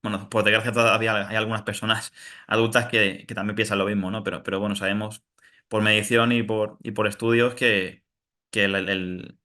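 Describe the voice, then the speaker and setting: A man's voice: fairly low pitch, little pitch movement, brisk, pushed and bright. A man from giving an informal technical webinar talk, explaining through everyday analogies and often checking in with "¿no?". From Spain, south of Madrid. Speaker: webinar presenter.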